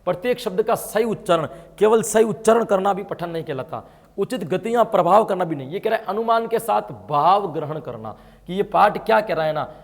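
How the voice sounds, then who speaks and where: Guy teaching an exam class, high-ish voice, keeps asking students questions, long reverb on it. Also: creaky. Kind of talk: exam-prep lesson.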